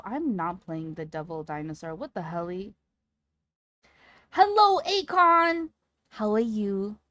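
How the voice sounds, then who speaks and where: A woman livestreamer chatting casually with her audience in a cute, playful, excitable anime-streamer manner. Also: mid-range voice, dry recording. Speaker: livestreamer talking to chat.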